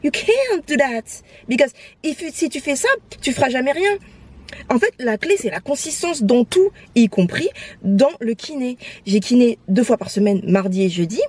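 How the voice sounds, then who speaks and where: A young woman vlogging casually from her phone while out and about, animated and outspoken, slipping between French and English. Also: on the high side, normal speed, breathy edge. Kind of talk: casual vlog chat.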